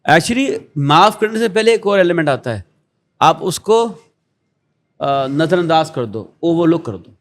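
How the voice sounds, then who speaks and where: Here an education founder, a middle-aged man with a Pakistani accent, speaks in an expressive voice on the high side. His manner in the conversational interview is earnest and sermon-like, peppered with quoted asides.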